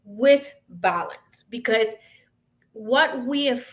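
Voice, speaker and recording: A woman's voice: a little high, slow. A woman guest on a podcast, a consultant, speaking earnestly and encouragingly, with emphatic restarts. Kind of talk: casual interview chat.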